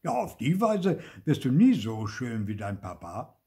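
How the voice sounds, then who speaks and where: A fussy old woodcarver, indignant and blustering, his voice rising high as he scolds, then sinking into sighs, as a storyteller puts him on. A lively, swooping storybook voice, read slowly. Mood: scolding. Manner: scolding, exasperated, then lamenting.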